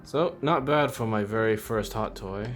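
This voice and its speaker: A man with a fairly low voice and moderate pace hosts a toy figure review channel. Over background music, he gives a casual, rambling review, thinking aloud in an offhand, informal way.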